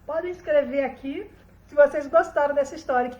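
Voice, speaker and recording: Expressive woman storyteller, high voice, roomy echo. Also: a little fast, lo-fi sound. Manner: dramatic, expressive telling. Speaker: storyteller and therapist. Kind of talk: storytelling to an online audience.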